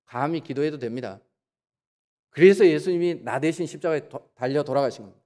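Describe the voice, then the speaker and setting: A man preaching a Sunday sermon in a church, asking the congregation rhetorical questions and acting out quoted voices with sudden jumps in pitch. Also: fairly quick, dark tone. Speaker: pastor. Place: church sanctuary.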